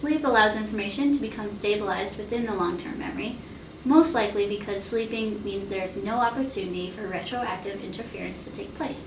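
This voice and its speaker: A woman's voice: medium pitch, brisk. A woman reading an explanatory script in textbook phrasing. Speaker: student narrator. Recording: roomy, distant, muffled with noise.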